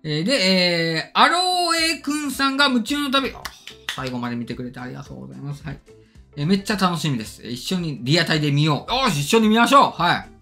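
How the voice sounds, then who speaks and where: A middle-aged man hosts a casual tech chat in a quick, very animated delivery that swings widely in pitch. His diction is slightly slurred from orthodontic braces, and he reads comments and replies politely with emphasis. Faint music plays behind him. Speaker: YouTube tech channel host. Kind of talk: casual chat, reading and answering viewer comments. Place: indoor studio or room, seated at desk.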